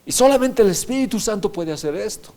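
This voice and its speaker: This time the preacher sounds brisk and expressive, his high, mellow voice moving through the sermon. Scripture gets read aloud, and rhetorical questions are often aimed at the congregation.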